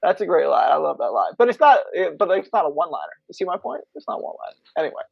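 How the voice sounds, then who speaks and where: A man's voice: a little high, very animated, racing, gravelly, noisy background. A man co-hosting a podcast, chatting casually about films, rambling with lots of fillers and frequent laughs. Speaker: podcast co-host. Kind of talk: casual film chat. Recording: dry, dull lo-fi podcast mic.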